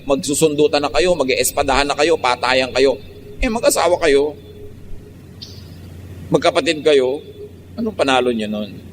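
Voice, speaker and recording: Filipino pastor preaching in a reverberant hall. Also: male voice, mid-range voice. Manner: switches between calm, slow teaching and sudden lively mock-quotes. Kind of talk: sermon. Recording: long hall reverb, faint traffic noise.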